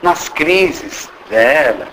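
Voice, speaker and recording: His pitch is fairly high and his tone fairly bright, and this expressive man draws out his words. With a Brazilian Portuguese accent, he gives an informal spiritual lecture in a meeting hall, teasing and questioning the audience and acting out little dialogues, in a roomy recording with background noise.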